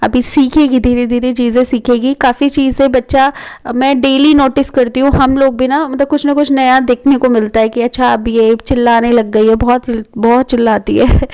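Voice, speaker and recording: Chatty high-voiced mom narrating her day. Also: darkish tone, clean tone. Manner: chatty, homely, with frequent fillers. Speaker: vlogger mother of two. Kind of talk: casual home vlog narration. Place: home, indoors.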